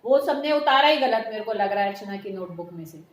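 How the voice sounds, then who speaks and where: A woman's voice: mid-range voice, expressive, fairly quick. A middle-aged woman teaching a chemistry class, explaining patiently and mixing in English terms. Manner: explains patiently, mixes English terms, calls students beta. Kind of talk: classroom lecture. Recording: echoey room with faint noise.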